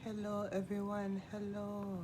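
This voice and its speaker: A woman playing a sassy, glamorous TV psychic who hosts a live call-in stream in a campy, drawn-out manner. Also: medium pitch, monotone, natural voice. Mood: flustered greeting. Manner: campy, drawn-out, calls everyone darling. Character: sassy glamorous female TV psychic hotline host. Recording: noisy live stream audio.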